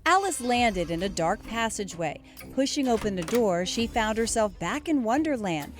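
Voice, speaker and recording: Expressive woman reading a children's story. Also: a little high, normal speed, music in the background. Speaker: news anchor storyteller.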